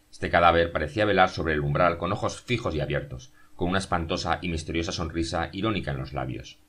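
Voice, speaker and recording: Male audiobook narrator, very low voice, steady measured read.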